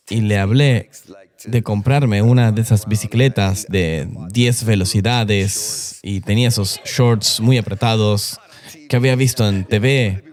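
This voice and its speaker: A man's voice: on the low side, darkish tone. A middle-aged man, a pastor, telling his personal testimony in an earnest, confessional way during an interview.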